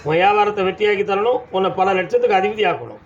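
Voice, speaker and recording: Man, southern Tamil accent, temple oracle, high voice, commanding, scolding, dull recording. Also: animated, fast. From Tamil Nadu. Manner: commanding, scolding, calls devotees "da". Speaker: temple oracle speaking as the deity. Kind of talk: trance oracle addressing devotees. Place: village temple. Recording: dull audio with faint background noise.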